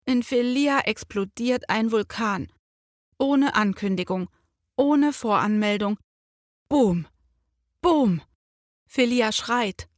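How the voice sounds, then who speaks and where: Langsam erzählende Frau, Kindergeschichte. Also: female voice, a little high, dry recording, studio quality. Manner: slow, clear and expressive. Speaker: narrator. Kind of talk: children's story narration.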